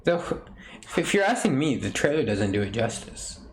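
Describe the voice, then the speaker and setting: A man's voice: medium pitch, sing-song, moderate pace, slight background noise. A young man hosting a podcast in casual chat, rambling and jokey, laughing often. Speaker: podcast host.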